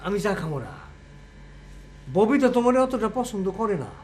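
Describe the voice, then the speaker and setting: An actor playing a boastful, lecturing suitor in a comedy TV drama. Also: male voice, high voice, lively intonation, moderate pace, a little mellow, slight background noise. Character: boastful suitor, self-important and smooth.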